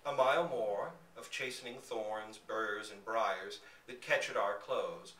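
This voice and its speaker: A man performs a literary story at a live bookstore reading, delivering it expressively with theatrical flair and dramatic emphasis. His voice is on the low side and measured in pace, and the recording sounds roomy and distant, with faint background noise.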